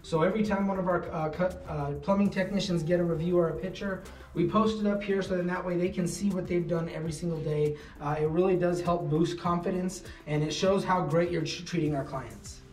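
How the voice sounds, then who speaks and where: A man in his thirties giving a relaxed walking tour of his company's warehouse and offices, with frequent fillers. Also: high-pitched, a little fast, recorded from a distance. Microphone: camera following him, mic at a distance. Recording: echoey rooms, voice a bit off-mic, soft music underneath.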